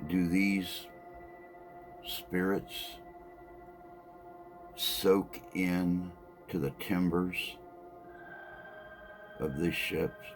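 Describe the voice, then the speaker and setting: A man hosting a paranormal podcast, speaking slowly and deliberately with dramatic pauses. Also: deep voice. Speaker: podcast host. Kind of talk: slow reflective podcast narration.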